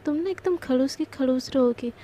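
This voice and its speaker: A woman voicing Sana, a cheeky young office worker who answers back with quick, teasing comebacks in a told story. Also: high-pitched, mellow, slight background noise, lightly acted. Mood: sassy.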